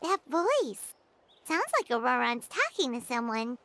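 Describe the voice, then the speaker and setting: A woman voicing Paimon, a small, excitable floating companion who blurts out curious questions. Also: a little high, measured pace, a little hiss or hum, heavily acted.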